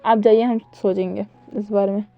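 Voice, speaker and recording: A woman voicing an elderly grandfather, over 60, who gives calm, measured commands. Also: mid-range voice, no echo, highs cut off, close to an everyday voice.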